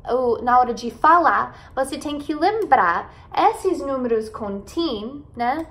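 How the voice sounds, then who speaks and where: A high-pitched American woman, whose first language is English, leads an online pronunciation lesson. She speaks at a very unhurried pace and draws out every example word. She keeps checking in with her students with "ok?" and "né?" as she goes. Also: animated, a bit bright. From United States. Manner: slow, drawn-out model pronunciations with frequent "né?" and "ok?" checks. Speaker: English teacher.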